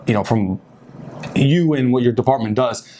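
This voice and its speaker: A man's voice: medium pitch, normal speed, mellow, slight background noise. Upbeat chatty male podcast host. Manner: chatty, upbeat, lots of fillers and laughs. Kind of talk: casual podcast chat.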